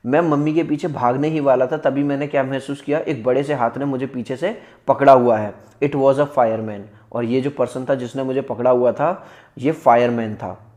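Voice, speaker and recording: A male teacher reads English textbook lines slowly and explains each one in casual, conversational Hindi, calling his students beta and bhai. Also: mid-range voice, darkish tone.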